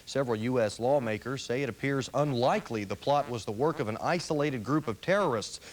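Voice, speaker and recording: A man's voice: mid-range voice, fairly quick, low-quality recording. A man reading scripted television news as an anchor. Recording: hissy early 1990s TV broadcast.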